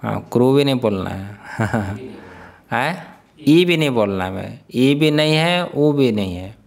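Speaking at a middle pitch in an animated, creaky voice, a Vedanta teacher runs a scripture class. He keeps questioning his listeners, lets out occasional chuckles and works slowly through how each syllable is pronounced.

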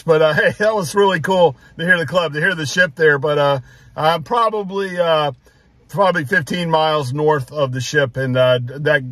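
A man's voice: on the high side, a bit bright, dry recording. An American man in late middle age chatting casually as he operates a ham radio from inside a car. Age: 50s or 60s. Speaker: amateur radio operator and vlogger. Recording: radio static behind the voice. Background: radio noise.

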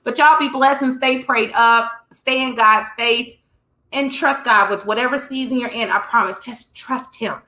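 A woman's voice: fairly high pitch, normal speed, bright, forceful tone. A woman hosting a live devotional stream, preaching with fervent, repetitive exhortation in a casual, colloquial way. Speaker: host of a faith livestream. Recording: roomy echo.

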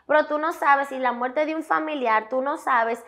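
A young woman with a Dominican accent talks in a high, bright register. She tells her story emphatically and candidly, with lively swings in her delivery. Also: moderate pace. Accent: Dominican Spanish. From Dominican Republic. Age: young adult. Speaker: guest. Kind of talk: candid interview talk.

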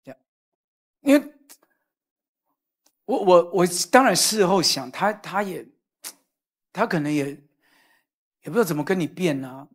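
A middle-aged man delivers a sermon to his congregation. His voice is husky. He tells stories with lively swings from loud to soft. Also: sits high, measured pace, pauses often. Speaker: pastor. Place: church hall, in front of a congregation.

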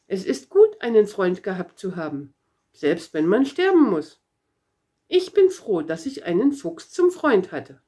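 A gentle, curious little prince, as a woman reads him aloud from a storybook. He asks his earnest questions slowly, his voice lifting and falling with lively swings. It is a warm, unhurried bedtime telling. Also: mid-range voice, slightly rough. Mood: tender.

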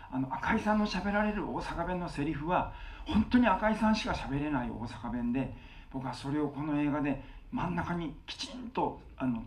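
A man's voice: medium pitch, a little mellow. A man who is a film director, answering on a cinema stage in earnest, long, winding sentences.

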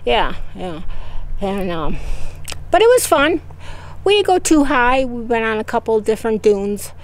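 A woman's voice: a little high, sing-song, a little slow. A middle-aged woman chatting casually in a travel vlog, thinking aloud, recorded outdoors on a camera at arm's length. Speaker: vlog co-host. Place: outdoors in a parking lot.

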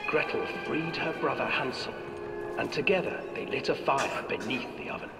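A man narrating a dark fairy tale in a horror game, in a hushed, at times whispery storytelling voice. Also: mid-range voice, normal speed, creaky. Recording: echoey hall from far off, music behind.

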